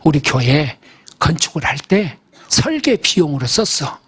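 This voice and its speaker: An older male pastor tells a story during a church service in a folksy, emphatic sermon, a little slowly. His voice is high for a man, with a husky edge, and swings widely and animatedly up and down. He keeps turning to the congregation with questions.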